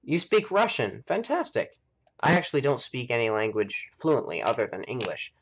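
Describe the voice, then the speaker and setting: With big swings in pitch around a medium register, an American man talks through his game on a live stream, rambling casually as he thinks. His voice is slightly rough and his pace moderate.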